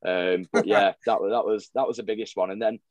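A man's voice: fairly low pitch, fairly even intonation, brisk, no room sound. A young man, a football vlogger telling stories in a rambling casual chat, full of restarts and fillers. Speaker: football fan vlogger, guest.

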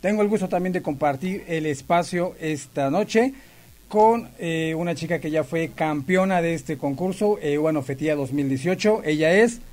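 A man's voice: on the high side, moderate pace, darkish tone. A man presenting a live event as host in an effusive, courteous manner. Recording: distant mic, noisy room ambience.

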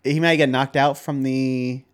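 A man co-hosting a casual movie podcast, calmly working through the logic of the plot. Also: mid-range voice, a little slow. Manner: analytical, explains plot logic. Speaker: podcast co-host.

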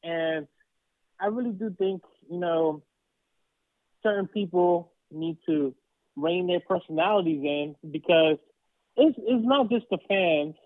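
A man's voice: high voice, unhurried, long pauses, dry recording, phone-quality sound. A man giving his opinions in a casual podcast chat, often repeating words as he works toward his point.

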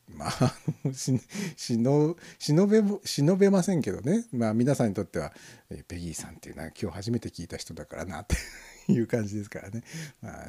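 A man hosting a live internet radio show, musing aloud in a casual, rambling way and chuckling softly as he reads out listener comments. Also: low-pitched, breathy edge. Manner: rambling, musing, frequent fillers and soft chuckles.

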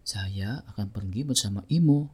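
A man's voice: on the low side, normal speed, dark tone, slightly rough. Man as earnest, dutiful elder brother horse. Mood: firm, earnest. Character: dutiful, brave young eldest brother horse.

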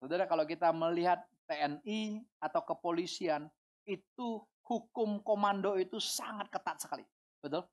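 A woman pastor preaching a sermon, animated and rising to shouts for emphasis. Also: fairly low pitch, moderate pace.

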